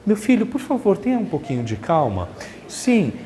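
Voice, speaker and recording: A man voicing an impatient mother who fakes a calm voice and then snaps, in a reverberant hall. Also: high voice, moderate pace, slight background noise, voice pushed up. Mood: strained calm. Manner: sweet tone cracking into exasperation. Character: mother straining to stay calm, then snapping.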